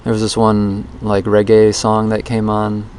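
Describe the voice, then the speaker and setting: Guy rambling into a dictaphone outside, kinda low flat voice, introspective diary thing, bit of background noise. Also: a little slow. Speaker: vlogger recording a daily challenge diary. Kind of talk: casual spoken audio diary, dictaphone recording. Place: outdoors under a bridge. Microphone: handheld voice recorder. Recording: outdoor voice recorder with background noise.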